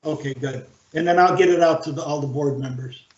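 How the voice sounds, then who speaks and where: A man chairing a library board meeting over a video call, speaking in a halting, measured way with frequent fillers. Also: fairly high pitch, a little mellow. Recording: roomy, dull video-call audio.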